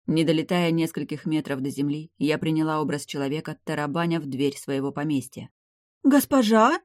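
A woman narrating a first-person fantasy audiobook with an expressive, dramatic reading. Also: low-pitched, fairly quick, no echo, clean studio sound.

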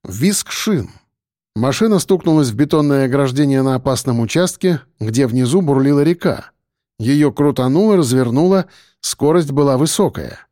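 Lively male audiobook narrator, dry sound. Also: medium pitch, normal speed, no echo. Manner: dramatic, lively storytelling.

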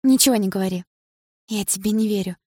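A woman's voice: mid-range voice, quick pace, mellow, dry recording, studio quality, pitched above the performer's own voice, close to an everyday voice. A woman voicing a hurt teenage girlfriend who speaks tearfully and bitterly.

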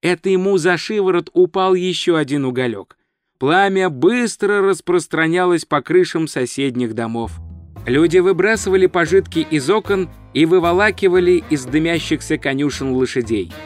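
A man reading a humorous fantasy novel aloud as audiobook narrator, steady and measured. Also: a little high, soft background music.

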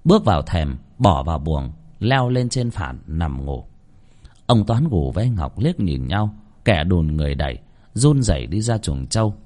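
Expressive male horror storyteller. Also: sits low, moderate pace. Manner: vivid, expressive delivery. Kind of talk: dramatic horror story narration.

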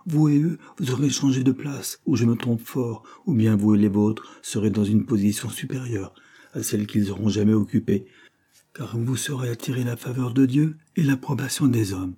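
A man voicing an older, pious, warm-hearted male manufacturer who speaks fervently and moralizes. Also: mid-range voice, moderate pace, breathy edge, natural voice.

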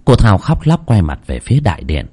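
A man narrating a horror story with dramatic, expressive delivery. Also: low-pitched, a little fast, slightly rough.

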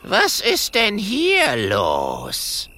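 A man voicing a stern, skinny female ghost with a cutting, croaky voice in a storybook reading. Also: fairly high pitch, wildly swooping pitch, slow pace, pushed and bright, soft background music, pitched above the performer's own voice, exaggerated voice.

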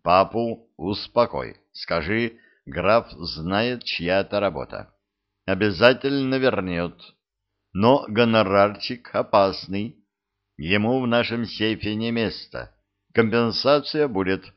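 A brash young thief knight who gives orders briskly, as a man reads him in a low voice. His pitch swings lively. The sound is dull and lo-fi. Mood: commanding. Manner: brisk and commanding. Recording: dull lo-fi recording.

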